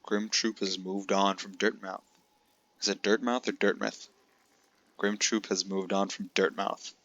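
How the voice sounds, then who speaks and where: A young man giving casual, chatty let's-play commentary, excitable and talking straight to his viewers. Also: low-pitched, moderate pace, no room sound, highs cut off. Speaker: gaming commentator.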